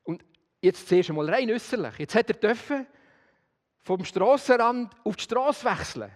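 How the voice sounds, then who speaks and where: Swiss guy preaching, gets loud then drops way quiet, bit high voice, big churchy reverb. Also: animated, normal speed. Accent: Swiss German. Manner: dynamic, swings between loud emphasis and quiet intimate address. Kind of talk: sermon.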